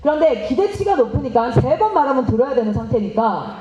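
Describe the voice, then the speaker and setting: High, animated woman lecturing in a hall. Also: a little fast. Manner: animated, asks the audience questions and acts out parents and children. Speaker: missionary speaking at a teachers' seminar. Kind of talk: lively seminar lecture. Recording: roomy, slightly dull hall recording.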